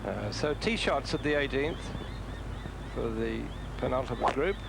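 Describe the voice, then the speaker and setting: Male golf commentator, gravelly mid-range voice, conversational and sparing, very noisy outdoor broadcast. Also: medium pitch, expressive, unhurried.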